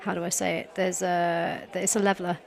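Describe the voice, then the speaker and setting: A woman's voice: on the low side, level tone, fairly quick, vocal fry. A woman commentating live on a sport event in a chatty, joking way, often thinking aloud.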